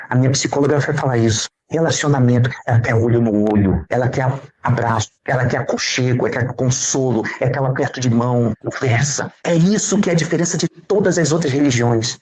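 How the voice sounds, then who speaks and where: A man's voice: fairly high pitch, darkish tone, husky. A man with a Brazilian Portuguese accent preaching a sermon, emphatic and full of rhetorical questions.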